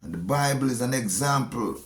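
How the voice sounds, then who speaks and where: A man with a Jamaican accent delivering a slow, preachy monologue. He stresses his points and often repeats phrases. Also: mid-range voice, lively intonation, echoey room. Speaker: speaker giving a monologue.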